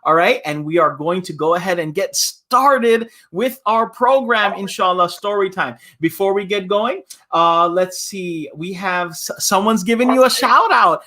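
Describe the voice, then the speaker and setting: An imam hosts a live children's read-along with casual chat, playful, folksy, and teacherly, checking in repeatedly with "okay?" His high-pitched voice is unhurried and sharp-toned, with hardly any pauses.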